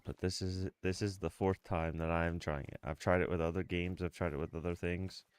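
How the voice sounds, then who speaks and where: With a flat, brisk delivery and a low-pitched voice, a congested man in his mid thirties sniffles through casual livestream chat and gameplay commentary. He's close on his streaming microphone, and there's slight background noise.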